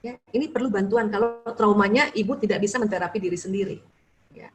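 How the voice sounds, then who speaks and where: A woman therapist giving earnest, instructive religious advice, often tagging her points with a soft "ya". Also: medium pitch, fast, over music.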